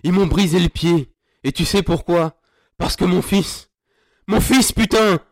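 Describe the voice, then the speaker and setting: A man's voice: on the high side, measured pace. An actor playing a grieving, vengeful sergeant who snarls, taunts and swears at his captive. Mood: anguished. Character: grieving vengeful male sergeant, furious, crude. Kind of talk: audio drama acting.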